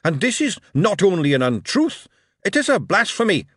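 Brief: male narrator as a zealous dwarf elder, preaching and scolding, high and lively. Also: normal speed, slightly rough, dry recording, clean studio sound, heavily acted. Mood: fervent. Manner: raised, preaching tone.

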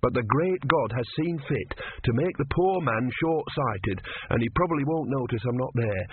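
A man voices an earnest, naive young novice monk who speaks with anxious sincerity, heard through tinny, phone-like audio. His medium-pitched voice has lively intonation and a moderate pace, close to an everyday voice, over a noisy background.

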